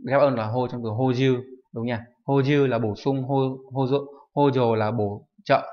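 A male teacher walks through a recorded online kanji lesson. He moves through the items at a steady pace and keeps asking brief check-in questions. His voice sits at an ordinary middle pitch, and the recording sounds a bit dull and lo-fi. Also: measured pace. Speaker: Japanese teacher.

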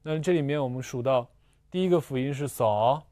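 A man teaching a language lesson, slowly explaining spelling and pronunciation with patient repetition and small fillers. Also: mid-range voice, mellow, no echo, clean studio sound. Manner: slow and patient, repeats syllables twice, fillers like "啊" and "呃". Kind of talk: slow, deliberate classroom explanation.

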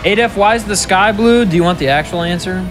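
A man's voice: high-pitched, fast talker, low-quality recording. A man commentating as host on a gaming stream, trading casual, dryly teasing banter. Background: game music and sound effects.

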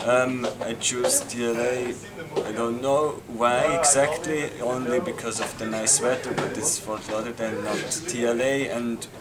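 A man of about twenty speaks non-native English with a Swiss accent. His mid-pitched voice gives hesitant, simply worded interview answers. Clear chatter of other people sits behind him in an indoor room. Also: steady tone, unhurried, few pauses. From Switzerland. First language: not English. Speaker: language student being interviewed.

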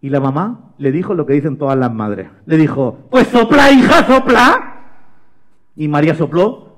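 A man's voice: fairly high pitch, lively intonation, brisk, darkish tone. A young man, a children's magician and storyteller who coaxes and jokes with a young volunteer. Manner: coaxing, playful, talks to a child volunteer. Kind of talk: live children's show.

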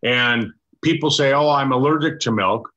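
An older man, a doctor, explaining a product in casual chat over a video call, halting with many restarts and fillers. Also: mid-range voice, pushed and bright. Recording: dull lo-fi video call audio.

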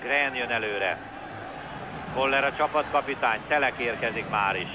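A man giving live football commentary in a conversational way, with clipped calls of players' names. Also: mid-range voice. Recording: noisy old TV broadcast, stadium ambience. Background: stadium crowd noise.

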